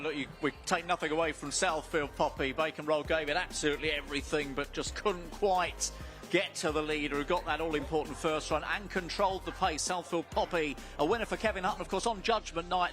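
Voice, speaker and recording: Higher-pitched male race commentator over music. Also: fairly bright tone. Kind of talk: polished race recap and sponsor read.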